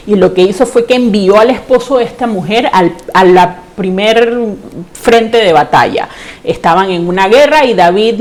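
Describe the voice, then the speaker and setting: A woman with a Panamanian Spanish accent preaching an online church sermon in an earnest way, slowing down when she reads scripture aloud. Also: medium pitch.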